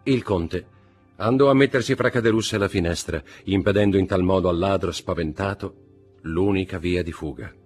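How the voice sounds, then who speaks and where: A man's voice: deep voice, moderate pace, a little mellow, soft background music. An Italian man narrating a classic novel as an audiobook, telling the story vividly and expressively. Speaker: audiobook reader.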